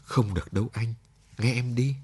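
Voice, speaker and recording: A man's voice: medium pitch, normal speed, darkish tone, breathy edge, lightly acted. A man reading a story aloud, voicing a lonely young woman who pleads through tears and then turns firm.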